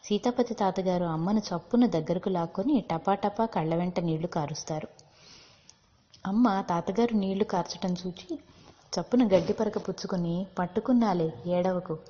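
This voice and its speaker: A woman reading a story aloud as narrator in a steady storytelling manner. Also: on the low side, normal speed. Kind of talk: scripted narration. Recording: dull lo-fi with long reverb.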